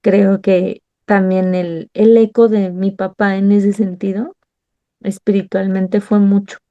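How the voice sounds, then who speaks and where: A woman's voice: medium pitch, little pitch movement, slow pace, lo-fi sound. A woman with a Mexican accent leading a Bible study, sharing a heartfelt personal testimony and acting out remembered conversations. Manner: warm, storytelling, acts out remembered dialogue.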